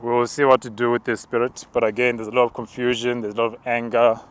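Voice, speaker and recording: A man preacher walking outdoors and narrating spiritual visions in a hushed, halting, contemplative way. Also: medium pitch, flat delivery, clear, resonant tone. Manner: slow, hushed, halting and contemplative, with tongues-like words. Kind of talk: spoken prayer walk, narrated visions.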